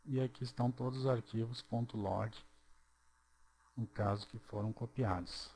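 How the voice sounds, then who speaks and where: A man narrating a screen-recorded programming tutorial, walking through each step slowly and checking in with "ok?". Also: medium pitch, steady tone, dark tone, a little hiss or hum. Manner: slow, step-by-step, checks in with "ok?" and "certo?".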